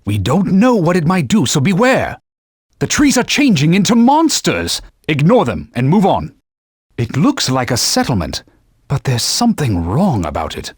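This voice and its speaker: A grave, husky and commanding voice belongs to a talking holy sword in a video game, voiced by a man as a stern old knightly mentor who speaks formally and barks urgent warnings. It's a full character voice, fairly high with wildly swooping pitch at a moderate pace. The studio recording is dry, with no room sound.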